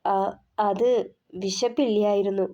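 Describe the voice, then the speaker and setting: A timid young wife, hesitant and sulky, voiced by the woman narrator in a warm, mellow tone for an audio novel. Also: medium pitch, steady tone, slow, lo-fi sound, natural voice. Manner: hesitant, sulky, soft-spoken.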